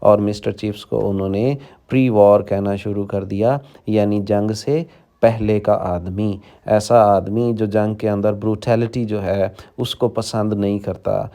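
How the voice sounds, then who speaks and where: A man teaching English in a bilingual lecture, reading the text slowly and explaining it in Urdu to his students. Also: lowish voice, fairly even intonation, warm tone. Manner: reads English slowly word by word, then explains quickly in Urdu; addresses students directly as children.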